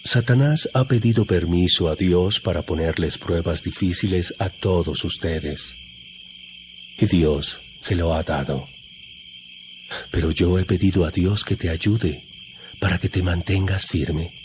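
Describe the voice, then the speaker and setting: Jesus, a solemn low-voiced teacher. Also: male voice, darkish tone, slight background noise. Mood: grave, concerned. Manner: solemn, measured, earnest. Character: Jesus, calm solemn teacher addressing his disciples. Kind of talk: dramatized audio Bible acting. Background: music.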